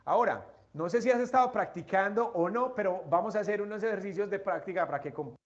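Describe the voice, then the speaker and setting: A man's voice: high-pitched, fast talker, muffled recording. A man teaching an English grammar lesson, explaining step by step and asking his students questions.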